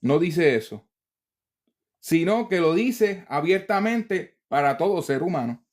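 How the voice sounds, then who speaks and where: Slow, high-voiced preacher. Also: male voice, lively intonation, a little mellow. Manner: slow, deliberate reading with casual asides. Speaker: preacher teaching from the Bible. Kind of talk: Bible teaching, reading verses aloud.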